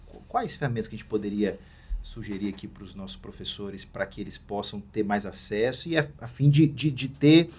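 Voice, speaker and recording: A man's voice: fairly low pitch, moderate pace, a little mellow, a little hiss or hum. A man with a Brazilian Portuguese accent hosting a panel, affirming the guests and asking long questions. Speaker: host.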